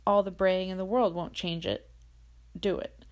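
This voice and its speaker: A woman voicing a poor teenage boy who answers curtly, cheekily and in rough grammar, unrepentant and defiant. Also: on the low side, steady tone, moderate pace, lightly acted.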